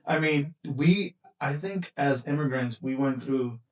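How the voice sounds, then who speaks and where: Easygoing host, a little off-mic. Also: male voice, medium pitch, unhurried, darkish tone, recorded from a distance, low-quality recording. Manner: easygoing, with frequent short agreeing interjections. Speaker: podcast host. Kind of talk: casual podcast conversation.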